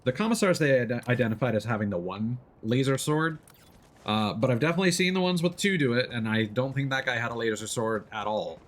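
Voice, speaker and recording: Game audio plays in the background as a man streams and offers casual commentary, explaining what he's doing in a laid-back way. His voice is medium-pitched and animated, running a little fast.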